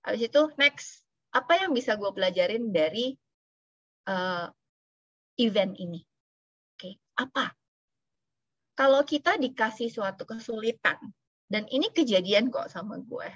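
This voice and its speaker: A woman's voice: on the high side, lively intonation, unhurried, long pauses, fairly bright tone, dry recording, muffled recording. A woman, an insurance agent giving a casual motivational talk, chatty and slipping in English phrases. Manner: chatty, mixes in English phrases, laughs now and then. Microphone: video call.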